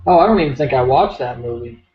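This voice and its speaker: A podcast co-host rambles through a casual show, joking and swearing in a medium-pitched, lively voice as he talks fast. He's in a room at home with dogs nearby, and the audio is roomy, dull, lo-fi, with faint noise.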